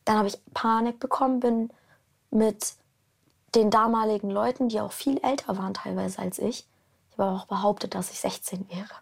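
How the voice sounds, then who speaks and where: A woman recounting her own life story in an interview, halting, repeating words and sometimes dropping to a whisper. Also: medium pitch, steady tone, gravelly. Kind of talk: personal account in an interview.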